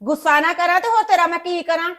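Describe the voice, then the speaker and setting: A woman playing a scolding, sharp-tongued middle-aged mother-in-law in a family web drama, nagging and reproachful. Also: extremely high pitch, fast.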